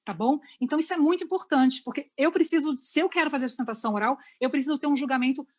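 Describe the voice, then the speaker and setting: High-voiced Brazilian woman lecturing online. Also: racing. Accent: Brazilian Portuguese. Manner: explanatory, keeps checking in with listeners. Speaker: lawyer giving a lecture.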